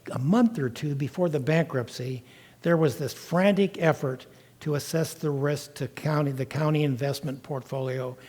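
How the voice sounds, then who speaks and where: A man's voice: a little high, darkish tone. Older man lecturing in a reverberant hall. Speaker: guest lecturer recounting time in county government. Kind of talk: public lecture, first-person account.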